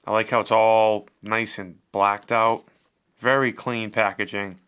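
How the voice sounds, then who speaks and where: A man's voice: lowish voice, flat delivery, unhurried, fairly bright tone, smooth. A man giving a casual, chatty product review as he unboxes and shows a device, swearing now and then.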